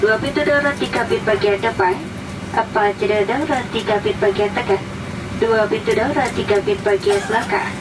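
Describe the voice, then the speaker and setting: Indonesian flight attendant over loud cabin noise. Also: female voice, on the high side, fairly quick. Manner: formal flight attendant recitation. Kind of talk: scripted cabin safety announcement. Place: inside an airliner cabin. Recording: distant cabin PA, loud aircraft engine noise. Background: loud aircraft cabin noise.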